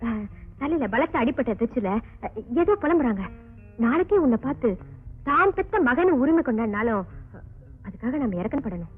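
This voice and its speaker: An actress playing a gentle woman doctor soothing an injured patient, in an old film soundtrack. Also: high voice, big pitch swings, moderate pace, long pauses, husky, phone-quality sound, faint music behind, full character voice. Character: calm kind woman doctor caring for a patient.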